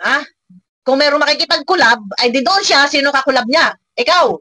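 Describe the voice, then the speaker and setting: Woman reaction vlogger, high and bright, teasing and scolding with frequent laughs, faint music underneath. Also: fairly quick, no echo. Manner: mocking, scolding, laughs often.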